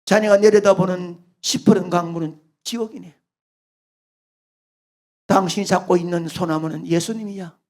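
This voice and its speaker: A Korean preacher with a Gyeongsang accent voicing a calm old pastor who gives low, slow commands. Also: male voice. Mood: solemn.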